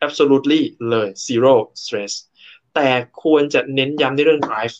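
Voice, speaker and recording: A man in casual conversation, talking through workplace ideas and sharing his own job stories. His voice has a middle pitch, and the sound is a bit dull and lo-fi, as if from a modest recording. He often stumbles and repeats a word before going on. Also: slow. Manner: explanatory, tells workplace anecdotes with repeated restarts. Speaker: co-host and speaker. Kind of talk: casual talk on workplace motivation.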